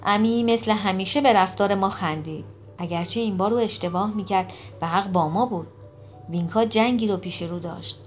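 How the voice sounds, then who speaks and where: A woman reading an audiobook in an expressive storytelling manner. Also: mid-range voice. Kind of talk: audiobook narration.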